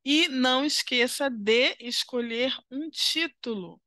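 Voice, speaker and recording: A slow, patient woman teacher with a Brazilian Portuguese accent and a bright, fairly high voice. She talks a young class through a worksheet, kind and encouraging, checking in after almost every step. The recording is close and dry. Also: no echo. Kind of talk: primary school lesson walkthrough.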